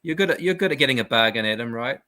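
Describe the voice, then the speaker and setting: A man co-hosting a casual podcast chat, cutting in with teasing jokes and quick questions. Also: medium pitch, expressive, a loud crowd. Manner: joking, teasing quips. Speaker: podcast co-host.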